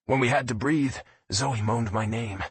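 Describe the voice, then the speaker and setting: A man narrating a romance audiobook in a low, intimate first-person reading. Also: a little slow, slight background noise.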